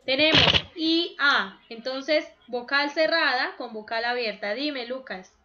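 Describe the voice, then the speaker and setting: Woman teacher, high bright voice, slow and patient, dull lo-fi call audio. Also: background noise. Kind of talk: online grammar lesson for children.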